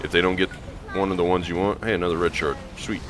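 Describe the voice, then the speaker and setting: A gaming channel host with a low, hoarse, gravelly voice, roughened by allergies, rambles quickly through gameplay commentary. His intonation is fairly even, there is background noise, and his casual, wandering delivery is full of ums and restarts.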